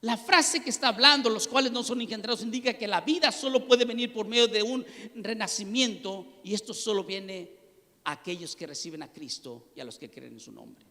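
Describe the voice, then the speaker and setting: A man preaching a sermon and telling his own testimony, impassioned and rising to near-shouts at the peaks. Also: high-pitched, a little fast. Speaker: pastor. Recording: long reverb of a hall.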